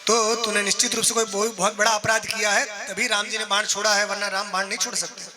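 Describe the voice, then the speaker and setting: A man's voice: high voice, level tone, fast, natural voice. A man voicing the king of the gods, who sternly scolds his son and orders him out, set over devotional music. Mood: stern scolding. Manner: scolding, commanding. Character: stern male king of the gods, angry father.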